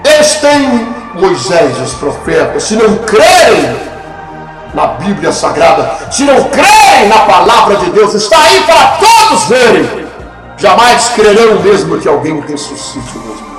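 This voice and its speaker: A man voicing Abraham, a stern old patriarch who refuses slowly, gravely and firmly. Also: high voice, very animated, a crowd in the background. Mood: grave refusal. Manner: slow, grave, firm refusals. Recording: echoey room with music behind.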